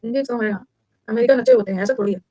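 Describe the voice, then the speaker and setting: A woman's voice: fairly high pitch, mellow, no room sound, low-quality recording. An Indian woman teaching English vocabulary in a chatty live online class, mixing Hindi and English as she explains words. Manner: fast, chatty, switches between Hindi and English. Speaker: English teacher for competitive exams.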